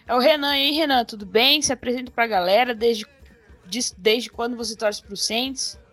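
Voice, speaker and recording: A woman's voice: on the high side, normal speed, a bit bright, dry recording. Chatty Brazilian podcast host woman. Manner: chatty, informal. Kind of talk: casual podcast chat.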